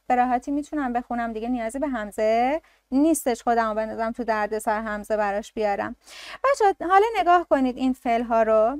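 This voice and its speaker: A woman teaching a classroom grammar lesson, her voice high and bright as she walks through each rule step by step. She keeps asking questions and answering them herself. The sound is close and dry, with no room echo. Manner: explains step by step, asks and answers own questions.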